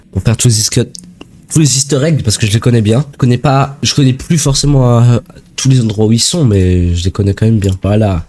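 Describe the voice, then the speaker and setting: A young man from France giving casual, excitable let's-play commentary full of slang as he plays a shooter game. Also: on the low side. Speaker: gaming video creator.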